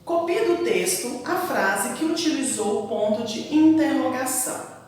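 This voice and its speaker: A woman's voice: high voice, animated, measured pace, darkish tone. Brazilian woman teacher, sing-song and emphatic, taped far from the mic in an echoey hall with faint background noise. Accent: Brazilian Portuguese. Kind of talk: classroom lesson for children. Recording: echoey room, recorded from a distance.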